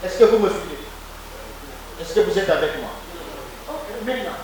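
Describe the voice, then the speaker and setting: A man's voice: high voice, animated, normal speed, a little mellow. A man from the Democratic Republic of the Congo teaching a Hebrew class at a university, coaxing students with repeated questions and prompts. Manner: repetitive, coaxing, quizzes students. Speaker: Hebrew lecturer. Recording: echoey noisy classroom from far off.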